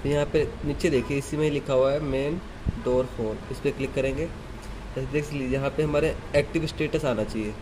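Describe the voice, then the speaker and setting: Indoors in a room, a man gives a plain, unscripted step-by-step installation tutorial. He speaks a little fast in a medium-pitched, steady voice. It was recorded on a handheld device, and the amateur recording is clearly noisy.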